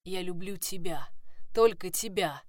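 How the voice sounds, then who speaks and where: A woman's voice: lowish voice, unhurried, a little mellow, dry recording, studio quality, natural voice. Woman reading a pleading young man in love.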